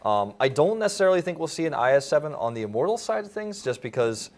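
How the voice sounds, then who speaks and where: A man's voice: fairly high pitch, very animated, fast talker, darkish tone. A man casting an esports match, chatty and joking, with lots of fillers. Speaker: esports caster. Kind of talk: casual esports commentary.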